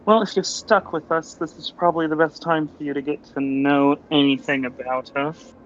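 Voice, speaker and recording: A man's voice: on the high side, fairly even intonation, moderate pace, lightly acted. A man voicing blunt adventurer Sarah. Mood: resigned. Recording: dull lo-fi stream audio, faint hum.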